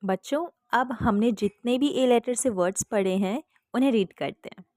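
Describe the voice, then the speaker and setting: A woman's voice: a little high, normal speed, darkish tone, no room sound, studio quality. A woman teacher, giving a phonics lesson to children, sounding out letters patiently and asking them to repeat after her.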